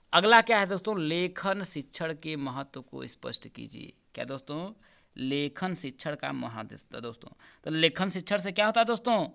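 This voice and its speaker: A man's voice: fairly high pitch, gravelly, sharp tone. A man teaching, working through a paper's answers and repeatedly asking his students questions. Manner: repeats questions to students, addresses them as friends. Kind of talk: exam paper solution lesson.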